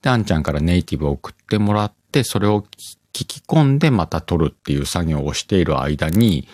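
A middle-aged man with a Kansai accent, hosting a casual solo chat and telling a rambling, animated story. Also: low voice, a little fast, no room sound. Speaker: podcast host.

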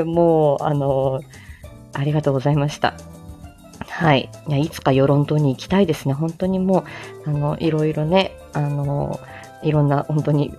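Her voice is deep and warm as she hosts a relaxed morning livestream, chatting politely, giggling, and talking a lot. She is an amateur voice drama performer from Japan, based outside Tokyo.

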